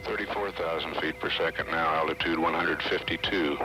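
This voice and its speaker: A man giving measured, matter-of-fact technical commentary as a mission control announcer. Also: rumbling low, steady tone, heavy background noise. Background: music.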